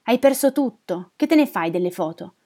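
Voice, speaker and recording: A woman's voice: mid-range voice, fairly quick, natural voice. A woman reading the lines of a hostile man who has taken over a neighbor's house, speaking in a harsh, dismissive, raised voice.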